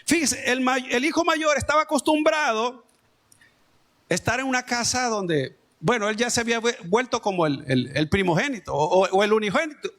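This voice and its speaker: A man preaches a sermon with a Salvadoran accent, his voice pitched very high for a man. He keeps turning to the congregation with rhetorical questions. He calls them "amados" in an emphatic pulpit manner. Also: expressive, normal speed, fairly bright tone. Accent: Salvadoran Spanish. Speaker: pastor. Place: church.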